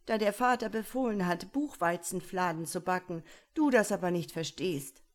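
A woman reading a fairy tale aloud, voicing a weeping young prince in a high, pleading voice. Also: moderate pace, lightly acted. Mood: plaintive. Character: sobbing young prince, plaintive and helpless.

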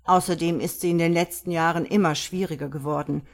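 A woman reading an audiobook voices a sonorous, stern man who calmly plots to get rid of someone. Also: fairly low pitch, fairly quick, lightly acted. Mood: scheming. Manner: stern and decisive. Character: middle-aged man, sonorous, scheming, firm.

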